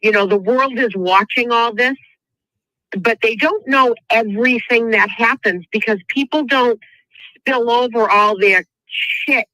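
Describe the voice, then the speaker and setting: A woman's voice: a little high, unhurried, sharp tone, dry recording, poor audio. A woman with a Boston accent chatting casually as a caller to a show, effusive and emphatic, often repeating phrases for emphasis. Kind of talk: casual chat.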